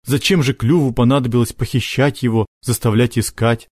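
A man narrating an audiobook with steady, even storytelling. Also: medium pitch, fairly quick, no room sound, clean studio sound.

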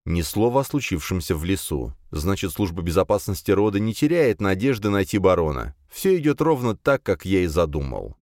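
A man narrating a fantasy audiobook in the first person with expressive, measured storytelling. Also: low voice, no echo, clean studio sound.

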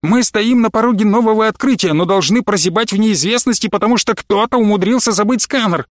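A man reading an audiobook, voicing an excitable, short-tempered older male professor who complains in indignant outbursts. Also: a little high, normal speed, vocal fry, no echo, clean studio sound. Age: over 50.

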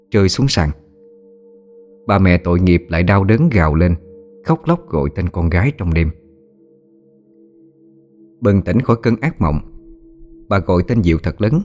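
A man with a very deep voice reads a ghost story in a measured, solemn tone. Faint music plays under his narration. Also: a little mellow.

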